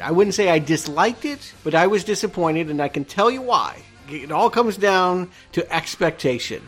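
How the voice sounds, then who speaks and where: A man's voice: high-pitched, a bit bright. A man co-hosting a podcast, chatting casually as he reviews films. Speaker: podcast co-host. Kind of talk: casual film review chat.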